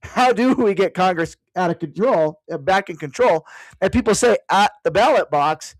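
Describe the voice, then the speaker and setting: A man's voice: sits high, expressive, moderate pace, dry recording, poor audio. A man hosting a casual learning session at home, thinking aloud and drifting into "by the way" asides. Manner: digressive, with frequent "by the way" asides; thinks aloud while searching online. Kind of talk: casual explanatory talk to an online audience.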